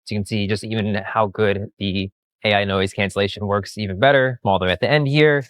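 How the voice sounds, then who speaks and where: Man, gear reviewer, lapel mic, noise-reduced audio, street outside, lowish voice. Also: fast talker, clean tone, no echo, studio quality. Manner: upbeat, repeats "you can hear". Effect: AI noise reduction processing. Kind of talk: product demo walkthrough. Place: busy street outdoors. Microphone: clip-on wireless lapel mic.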